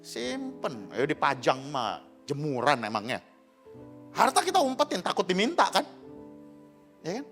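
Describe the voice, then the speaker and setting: A man's voice: a little high, measured pace, pauses often, faint music behind. A middle-aged man, preaching a sermon as a pastor and telling a funny confessional story to the congregation. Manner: animated, joking, confessional asides to the congregation. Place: church service.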